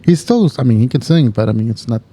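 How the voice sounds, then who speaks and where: A man co-hosting a podcast, chatting in a relaxed, easygoing way. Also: medium pitch, fast talker. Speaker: podcast co-host. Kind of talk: casual chat.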